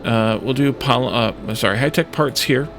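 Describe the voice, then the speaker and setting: A man of medium pitch and normal speed, his tone a bit bright, hosts a let's play with soft background music. He mutters his choices aloud in brief, hesitant gaming commentary.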